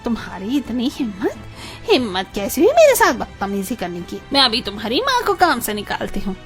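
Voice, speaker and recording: A haughty rich employer in a cartoon barks harsh orders in a high voice, as a woman plays her. She sounds commanding and contemptuous. Soft music plays faintly under her. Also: huge pitch swings, a little fast. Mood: bossy. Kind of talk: animated story dialogue.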